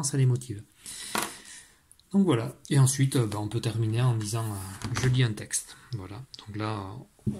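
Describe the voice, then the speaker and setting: A man's voice: mid-range voice, darkish tone, husky. A male teacher explaining a reading and writing exercise to parents step by step, with frequent fillers and restarts. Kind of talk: recorded lesson for parents.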